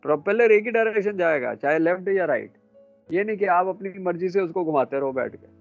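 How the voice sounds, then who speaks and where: A man lecturing students in a classroom, brisk and a little scolding as he quizzes them. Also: sits high, lively intonation, gravelly, no echo, dull audio, soft background music. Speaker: instructor.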